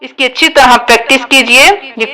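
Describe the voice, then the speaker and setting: A woman teaching Quran reading, drawing out each letter in sung recitation between quick explanations, with music underneath. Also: high-pitched, fairly even intonation, pushed and bright, slight background noise, poor audio. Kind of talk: slow spelled-out recitation lesson.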